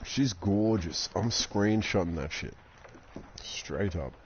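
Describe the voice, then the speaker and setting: Deep-voiced, crude rambling young streamer. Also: male voice, slow pace, dull audio, a little hiss or hum. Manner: crude, rambling, swears constantly. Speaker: game streamer. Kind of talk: casual live-stream chat.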